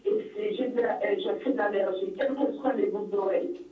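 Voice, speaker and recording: A woman calling in to a radio show, speaking in an earnest, halting way with many pauses. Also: medium pitch. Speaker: caller. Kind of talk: call-in radio chat. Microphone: telephone. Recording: echoey tinny phone line from far off.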